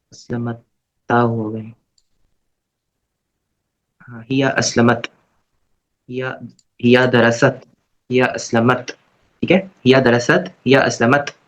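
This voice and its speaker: A man teaching an online Arabic grammar class in a casual, repetitive way. He keeps checking in with his students and slowly chants verb forms aloud. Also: mid-range voice. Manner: casual and repetitive, checking in with "theek hai?" after every point. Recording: dull lo-fi recording.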